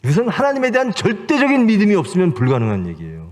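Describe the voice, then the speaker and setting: High, lively Korean pastor preaching. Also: male voice, very fast. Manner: emphatic, rhetorical questions and exhortation. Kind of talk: sermon. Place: church sanctuary. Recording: long church hall reverb.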